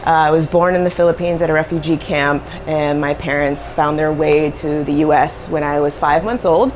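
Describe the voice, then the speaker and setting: A woman's voice: low voice, steady tone, a little mellow, a little hiss or hum. Chatty middle-aged woman, lapel mic. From Cambodia. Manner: chatty, fast, with fillers and asides. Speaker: restaurant co-owner. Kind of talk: casual interview. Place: small commercial kitchen, indoors. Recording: music bed underneath.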